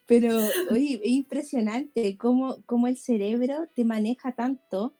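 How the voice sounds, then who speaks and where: A woman's voice: fairly high pitch, a little slow, warm tone. A woman with a Chilean accent, co-hosting a casual chat and telling stories, laughing often. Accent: Chilean Spanish. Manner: chatty storyteller, laughs often.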